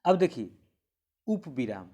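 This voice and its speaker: Slow-talking teacher, man. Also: mid-range voice, sing-song, warm tone. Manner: slow, repeats phrases to explain. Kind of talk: exam-prep grammar lesson.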